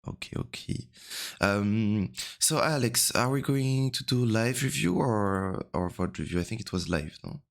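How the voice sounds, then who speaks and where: A man coaching a player over a call. He has just woken up and talks quietly into a close mic, rambling with many fillers. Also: on the low side, a little slow, gravelly. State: just woke up. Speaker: game coach. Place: home room at night.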